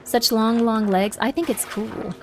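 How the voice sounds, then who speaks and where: Playing a game on a livestream, a woman keeps up casual, playful chatter and reacts out loud. Her voice is a little high and her pace measured, and video game music is prominent behind her.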